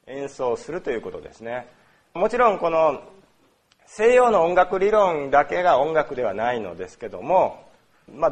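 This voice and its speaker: A man from Osaka gives a sermon, his pitch rising and falling a lot as he speaks. He talks in a loose, conversational way, full of small fillers, and often asks the congregation questions. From Osaka, Japan. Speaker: pastor. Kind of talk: sermon on worship.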